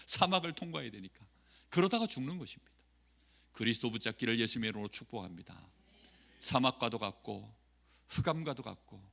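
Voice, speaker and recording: A male pastor preaching a sermon, swinging between soft, hushed lines and loud, impassioned ones. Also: fairly high pitch. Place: church sanctuary.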